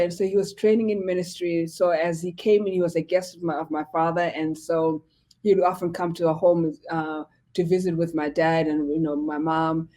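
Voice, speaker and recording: A woman in her forties, originally from Zimbabwe, a pastor telling her story as a guest with many fillers. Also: lowish voice. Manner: warm storytelling with frequent fillers. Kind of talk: casual interview talk.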